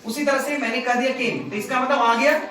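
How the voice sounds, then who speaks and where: A man's voice: extremely high pitch, a little fast, bright, forceful tone. Man teaching in an echoey classroom. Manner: quizzing students with repeated questions. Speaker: English grammar teacher. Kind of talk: classroom lecture. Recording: very echoey classroom, distant mic, noisy.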